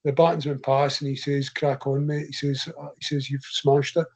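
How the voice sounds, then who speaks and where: Mid-range and flat, with vocal fry and a moderate pace, this Scottish-accented ultra runner speaks as a podcast guest. In the casual interview he spins long, meandering stories in his own voice.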